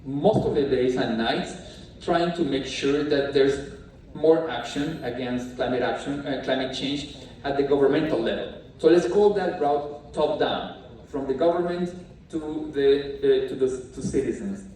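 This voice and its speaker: A man from Colombia giving a lecture in a halting way, with many fillers and restarts. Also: medium pitch, warm tone, slight background noise. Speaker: speaker at a talk. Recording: echoey hall, distant mic.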